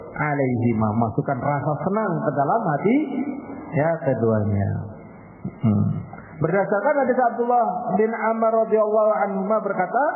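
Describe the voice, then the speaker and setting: A man giving a sermon, telling stories lively and acting out dialogues between a mother and her child. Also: high-pitched, slight background noise. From Indonesia. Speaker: Islamic preacher. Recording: lo-fi phone-like sound, echoey hall, faint music.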